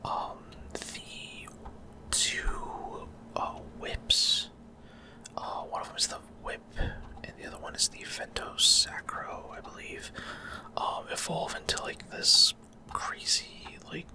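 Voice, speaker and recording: A man who hosts gaming ASMR videos whispers everything breathily and slowly, close to the mic. His gameplay talk is casual and meandering, and he often feels his way through explanations without being sure of the details.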